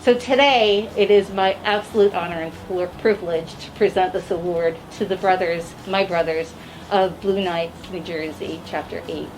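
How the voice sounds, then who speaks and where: A woman's voice: lowish voice, fairly even intonation, normal speed, a little hiss or hum, poor audio. A woman giving a heartfelt, earnest speech while presenting and accepting an award. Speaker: award recipient.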